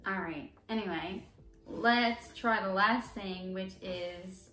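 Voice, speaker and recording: A young woman hosts a casual vlog, tasting candy and reacting with squeamish disgust while chatting and laughing easily. Her medium-pitched voice is slow and sharp in tone, recorded with roomy sound from a distant mic and faint music behind it.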